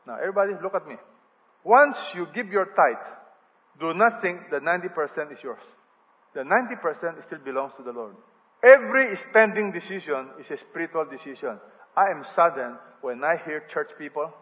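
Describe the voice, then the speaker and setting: A Filipino-accented man delivering a sermon, his voice sitting a little high for a man and swelling loudly on the lines he stresses. The sound carries a long reverb from a big church hall and is slightly dull and muffled. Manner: animated, rising loud on key phrases. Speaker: preacher.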